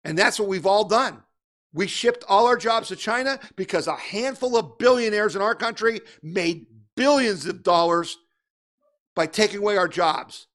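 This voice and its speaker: A man with a somewhat high-pitched voice holds forth as a political radio host. He rants with exasperation and conviction, throwing out rhetorical questions as he delivers his opinionated monologue. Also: expressive, normal speed, a bit bright.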